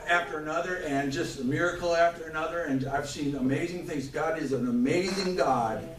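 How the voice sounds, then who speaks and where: A man's voice: on the high side, a little fast. A man giving a spoken testimony before a church congregation, telling his story fervently with restarts and chuckles. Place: church hall. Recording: echoey room mic from far off, faint noise.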